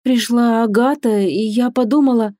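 A woman's voice: a little high, steady tone, moderate pace, dark tone, no room sound, studio quality, pitched above the performer's own voice, lightly acted. Eager young bride in a romance audiobook, voiced by the female narrator, lifted and emotional. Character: young woman, anxious then joyful bride.

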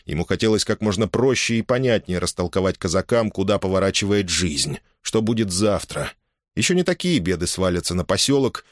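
A man narrating a novel in an expressive literary reading. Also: low voice, dry recording, clean studio sound. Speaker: audiobook narrator. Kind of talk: scripted narration.

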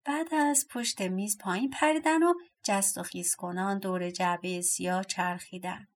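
A woman narrating a fairy tale audiobook with a steady, expressive reading. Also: medium pitch. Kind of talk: storybook narration.

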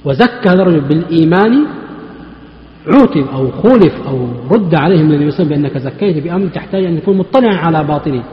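A man's voice: fairly high pitch, lively intonation, racing, a little hiss or hum. A man who teaches a mosque lesson on hadith. He explains points step by step and poses questions to his students before answering them himself. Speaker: Islamic scholar teaching hadith. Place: large mosque hall. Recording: echoey mosque hall, dull lo-fi recording.

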